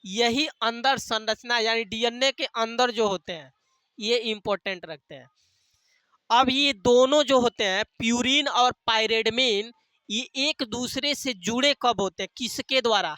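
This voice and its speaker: A male teacher lectures at a slow, deliberate pace, asking questions and answering them himself. His voice is bright and crisp, and he repeats key terms and slips in jokey memory tricks. The close, dry recording has no room sound. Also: extremely high pitch, no room sound. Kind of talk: classroom lecture with call-and-response questions.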